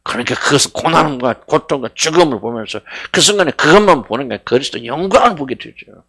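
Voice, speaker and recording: A middle-aged man preaching a sermon as senior pastor, fervent, swinging between loud cries and hushed words, questioning his congregation. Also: mid-range voice, lively intonation, fairly quick, breathy edge. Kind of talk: sermon at a Friday prayer meeting.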